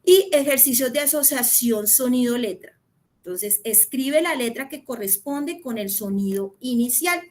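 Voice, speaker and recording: A woman's voice: fairly high pitch, unhurried, darkish tone. A woman from Colombia with a Colombian accent, giving an earnest teacher training talk and addressing teachers directly.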